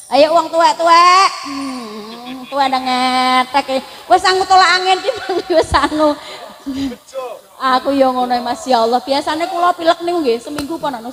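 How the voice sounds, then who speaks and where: A woman in her forties with a Javanese accent preaches a comic sermon from a stage at a religious gathering, her voice high, unhurried and fairly bright. She's chatty and joking, teasing the crowd and now and then breaking into song.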